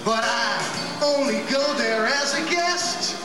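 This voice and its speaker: A man playing a hip, swaggering cool cat who narrates a stage show in a showy, drawn-out, teasing way. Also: very high-pitched. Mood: showy, flirtatious. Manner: showy, drawn-out, teasing beat-poet delivery. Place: outdoor lakeside amphitheatre water-ski show. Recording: echoey outdoor stage PA, music behind.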